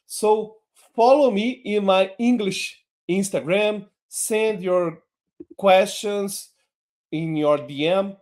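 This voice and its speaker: The speaker is a male hypnosis teacher, a native Portuguese speaker, giving an online lesson. He talks in a slow, measured way, with animated shifts in pitch.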